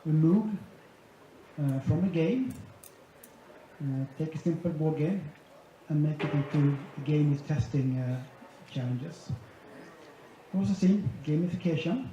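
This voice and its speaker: Speaking a little slowly in a mellow voice on the high side, a man gives a conference talk in a large hall, setting out each point in turn. The sound is dull and echoey, with faint ambience plus a touch of hiss or hum.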